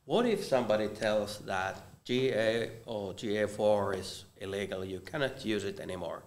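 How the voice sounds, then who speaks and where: A man's voice: on the low side, moderate pace. A man from Finland, a guest on a panel, speaking casually with many hesitations. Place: live conference venue. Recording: roomy live event recording.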